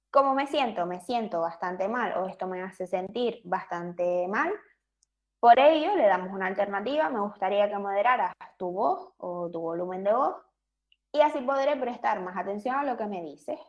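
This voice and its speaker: A woman's voice: mid-range voice, darkish tone, highs cut off. Woman explaining a psychology workshop. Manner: conversational, many fillers and restarts. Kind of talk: explanatory online workshop talk.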